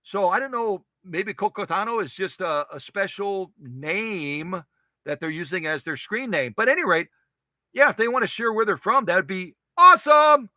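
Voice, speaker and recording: A high, bright male voice that swings widely in pitch as he chats on a casual livestream. He greets viewers and reads their comments aloud in a playful, animated way, often repeating a phrase. The sound is dry and close, with no room echo. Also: normal speed. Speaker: host of a sewing machine restoration channel.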